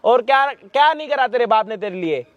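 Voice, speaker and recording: A man's voice: very high voice, expressive, fairly quick, lo-fi sound. A male host staging a street confrontation, scolding and mocking with abusive words.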